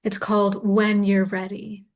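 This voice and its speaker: A woman reads poetry in a mid-range voice, taking her time. Her delivery is measured and tender, in the manner of a poet at an open mic. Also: medium pitch, little pitch movement, a little mellow. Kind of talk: poetry reading with informal introduction.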